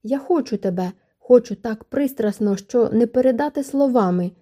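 A woman reading an intense young gentleman. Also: a little high, moderate pace, close to an everyday voice. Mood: insistent.

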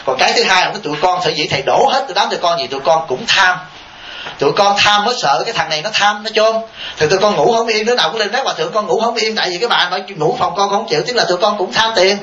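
A man's voice: sits high, quick pace, sharp tone. A man, a Buddhist monk giving a dharma talk and answering questions, telling stories with chuckling asides and rhetorical checks on his listeners. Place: temple hall with listeners. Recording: echoey, dull lo-fi hall recording with faint hiss.

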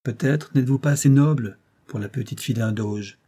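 A man's voice: mid-range voice, a little fast, dark tone, breathy edge. Lucciola, a proud young boatwoman, read by a man. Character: proud young Venetian boatwoman, fierce and melancholy.

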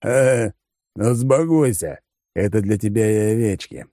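A man's voice: fairly low pitch, expressive, measured pace, mellow, dry recording, studio quality, voice pushed up. A man voicing a laid-back male ninja friend who teases in a casual way. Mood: teasing. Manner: teasing, casual.

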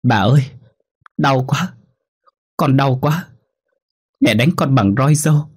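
A man voicing a small ghost child who begs its grandmother for help in a high, tearful voice. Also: takes it slowly, a little mellow, husky. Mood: pleading, tearful. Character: ghostly little child, pleading and wounded.

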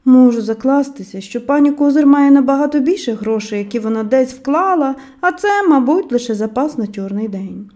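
A woman's voice: high-pitched, expressive, normal speed, hardly any pauses, mellow. A woman voicing a clever, confident boy in an audiobook, speaking in a lecturing, insistent tone.

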